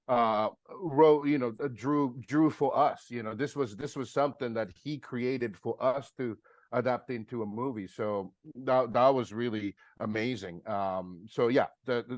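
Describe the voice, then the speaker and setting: Speaking in a mid-range voice with no echo, the middle-aged filmmaker from Japan answers interview questions earnestly, his talk peppered with fillers and false starts.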